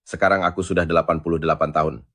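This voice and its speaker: Brief: an old rich family head, very low voice, quick and commanding. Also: male voice, little pitch movement, fairly bright tone, breathy edge. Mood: pleading. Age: older. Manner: commanding, orders staff about. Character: wealthy elderly patriarch, 88, eager for a grandson. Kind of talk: dubbed drama acting.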